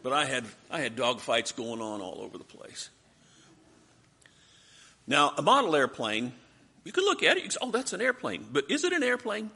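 A man's voice: mid-range voice, big pitch swings, normal speed, pauses often, pushed and bright, slightly rough. A man leading a Bible study class, teaching animatedly and putting questions to his listeners.

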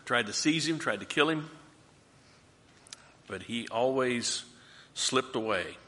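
Bible study leader, male, lively questioning delivery, bright tone in a reverberant room. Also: medium pitch. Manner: animated, asks the group questions. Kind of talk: group Bible study teaching.

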